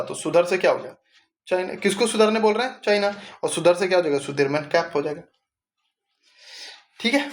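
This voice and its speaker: A young man teaching exam tricks in casual chat, asking himself questions and answering them, calling the viewer brother. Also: high voice. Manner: quizzing himself with rhetorical questions. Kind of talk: mnemonic exam lesson.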